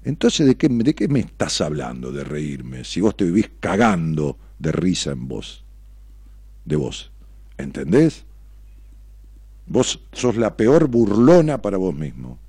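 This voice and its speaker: A middle-aged Argentine man with a Rioplatense accent speaks in a low, gravelly, somewhat husky voice. His delivery swings widely in pitch as he answers listeners bluntly and sarcastically, and he swears freely. The sound is close and dry. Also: big pitch swings, takes it slowly, mellow, no echo. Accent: Rioplatense Argentine Spanish. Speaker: radio host answering listener messages. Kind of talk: blunt on-air commentary reading messages.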